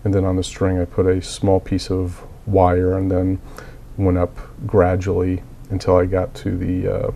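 Still getting over a cold, a man who builds miniatures coughs occasionally while methodically narrating a casual build walkthrough with many fillers. He speaks low, totally flat and unhurried, with vocal fry, a warm tone and hardly any pauses, over slight background noise.

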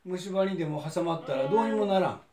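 A man's voice: high voice, fast talker, roomy sound, a crowd in the background, pitched above the performer's own voice, lightly acted. A man voicing a huge, greedy male man-eating demon with a blunt, gloating manner and a Kansai accent.

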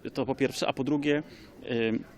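A man, a lawyer, giving an expert comment in a measured way, often pausing with hesitation fillers. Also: mid-range voice, fairly even intonation, darkish tone. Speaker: lawyer commenting on tax changes.

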